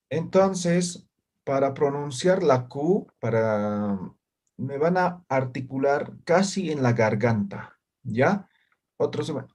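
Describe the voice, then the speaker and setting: A man leads a language lesson over a video call, speaking slowly and calmly with a slightly husky voice. He keeps checking that his students are following with short tag questions. He says practice syllables loudly and distinctly. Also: mid-range voice. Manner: patient, ends phrases with "¿ya?" and "¿no?". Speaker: language teacher. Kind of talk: online class.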